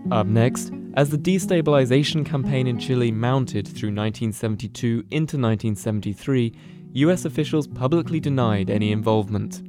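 A man's voice: mid-range voice, fairly quick. Male radio announcer over guitar music. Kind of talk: station announcement.

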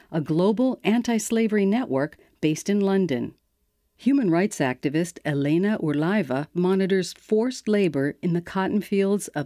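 A woman hosting a radio program, giving scripted narration in a measured, steady way. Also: on the low side, no room sound, clean studio sound. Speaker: radio host.

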